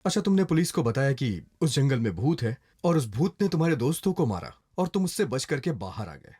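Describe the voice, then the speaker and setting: A man's voice: medium pitch, big pitch swings, a little fast, a little mellow, slightly rough. An actor dubbing a confident male police investigator who lectures patiently and slips English phrases into his speech. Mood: firm, persuasive. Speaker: police officer. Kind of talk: dubbed film dialogue. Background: film score music.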